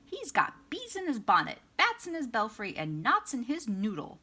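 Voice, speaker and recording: A woman's voice: fairly high pitch, wildly swooping pitch, moderate pace, pushed and bright, breathy edge, voice pushed up, full character voice. A woman voicing fussy, scandalized gossiping neighbors from a storybook, exaggerated and disapproving. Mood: mocking.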